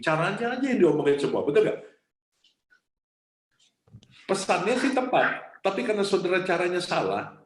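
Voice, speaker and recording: A male pastor preaching a sermon over a video call, telling a story lively and often asking the congregation questions. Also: a little high, echoey room. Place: home, via video call.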